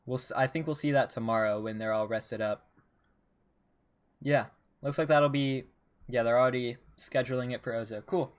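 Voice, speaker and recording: A man hosting and commentating a gaming tournament stream in a relaxed, chatty way with many fillers. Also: mid-range voice, normal speed, long pauses. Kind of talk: casual esports commentary.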